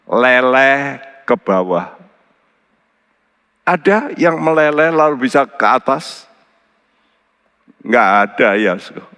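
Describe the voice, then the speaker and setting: A middle-aged man preaching a sermon as pastor, animated, often jumping to high emphatic outbursts. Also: clean tone. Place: large church hall. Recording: church service with long hall reverb.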